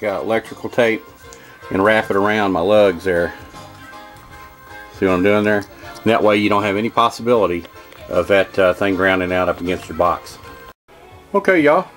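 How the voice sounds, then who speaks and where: Folksy man with a lowish voice. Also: normal speed, faint music behind. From Kentucky. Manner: folksy, rambling, lots of "uh" and "okay, y'all". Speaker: HVAC technician. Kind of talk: hands-on how-to demonstration. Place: home workshop with wood-paneled walls.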